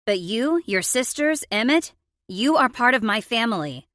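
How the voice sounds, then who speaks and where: A woman voicing a calm, firm woman in her forties who runs a sports team, in an audiobook. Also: fairly high pitch, moderate pace, no echo, clean studio sound. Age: 40s.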